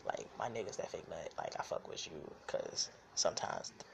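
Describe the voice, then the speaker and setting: A man's voice: low-pitched, very animated, fairly quick, vocal fry, a bit bright, slight background noise. A young man hosting a podcast, telling candid, profane stories and laughing often. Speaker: podcast host. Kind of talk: casual storytelling monologue.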